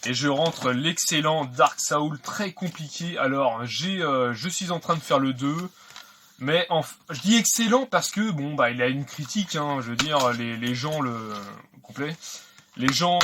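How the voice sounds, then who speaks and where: A man's voice: fairly high pitch, background noise. A man casually talking through an unboxing of video games, chatty and hesitant with many fillers. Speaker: video game collector vlogger.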